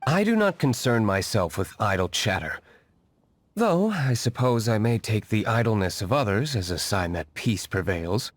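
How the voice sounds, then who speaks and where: An actor playing a brooding, wealthy vigilante in a video game dub, curt and formal with a dry, disdainful edge. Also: male voice, fairly low pitch, big pitch swings, moderate pace. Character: brooding wealthy male vigilante, aloof and stern.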